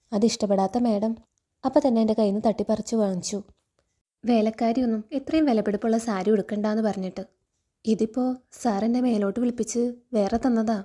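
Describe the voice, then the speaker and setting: Woman reading shy young maid, polite, mellow voice. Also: fairly high pitch, lightly acted.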